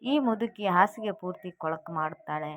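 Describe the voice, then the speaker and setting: A woman's voice: fairly low pitch, lively intonation, normal speed, close to an everyday voice. Woman playing a cold, bossy sister-in-law. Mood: scornful. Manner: dismissive and bossy. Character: cold, cruel sister-in-law, mistress of the house.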